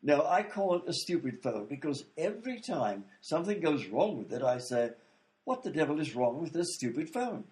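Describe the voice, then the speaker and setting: In a comedy radio play, a man voices a fussy, long-winded inventor doctor who explains everything at length, peppering his talk with fillers like "you see." His fairly high voice jumps about very animatedly at a moderate pace.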